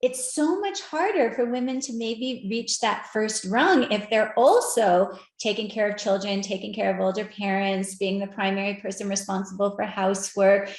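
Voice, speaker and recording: A woman giving a conference talk with slides, animated and conversational, often asking the audience direct questions. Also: medium pitch, moderate pace, few pauses, echoey room. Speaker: speaker at an equity research event. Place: virtual event.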